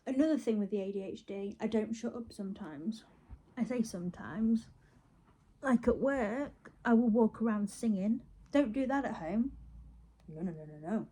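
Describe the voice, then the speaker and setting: A British woman vlogs casually on her phone while wrapping gifts, rambling playfully to camera and muttering to herself. Her voice is fairly high, mellow and slightly rough, at a normal speed.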